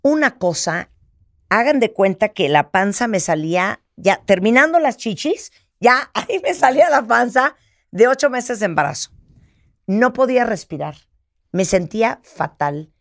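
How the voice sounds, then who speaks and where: A woman with a Mexican accent hosting a radio talk show, telling stories in a lively, colloquial way. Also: fairly high pitch, unhurried, dry recording, clean studio sound. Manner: lively, colloquial, chatty storytelling. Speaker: radio host. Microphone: studio microphone.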